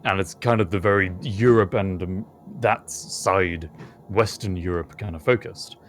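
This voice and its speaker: A British man co-hosting a casual podcast chat, speaking in a thoughtful, measured way with frequent pauses and fillers. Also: deep voice. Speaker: podcast co-host.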